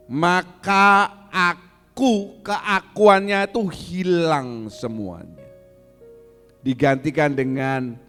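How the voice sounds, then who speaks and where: A man's voice: on the high side, big-room sound. A man preaching a sermon as pastor, asking the congregation questions and acting out angry insults in a raised voice. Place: church hall.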